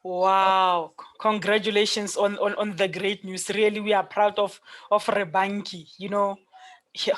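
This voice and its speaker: Halting meeting chair, repeats words. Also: medium pitch, little pitch movement, a bit bright. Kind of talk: formal online meeting chairing.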